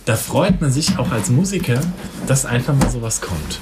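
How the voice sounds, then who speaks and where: A man's voice: medium pitch, very animated, normal speed, very noisy. A man co-hosting a casual podcast chat, talking in a chatty, stumbling way with many restarts. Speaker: podcast co-host, musician. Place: studio with table mics.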